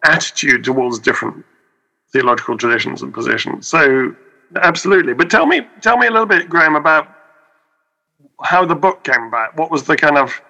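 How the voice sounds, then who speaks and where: A man with a croaky, froggy voice from a cold, chatting as a podcast co-host on a video call. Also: fairly high pitch, animated, a little fast, bright, forceful tone, poor audio. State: has a cold. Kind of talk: casual panel chat over video call.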